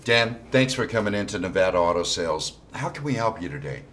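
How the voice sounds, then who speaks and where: A man's voice: on the low side, animated, a little fast, a bit bright. A man talking conversationally as a car salesman in an infomercial.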